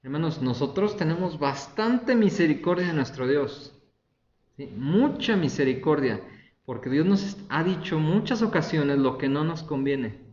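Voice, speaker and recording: A man's voice: fairly high pitch, expressive, measured pace, a little mellow, roomy sound, highs cut off. A man preaching a sermon as a pastor, conversational and often asking the congregation questions.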